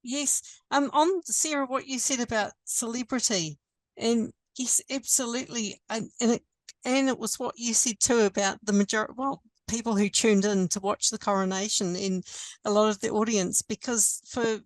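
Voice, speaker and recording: A woman panellist responding informally, halting and searching for her words. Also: a little high, steady tone, dry recording, low-quality recording. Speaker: conference panellist.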